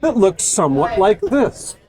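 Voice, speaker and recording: A man's voice: sits high, very animated, a little slow, warm tone. A man narrating a tabletop game as game master, talking to players. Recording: busy crowd chatter behind.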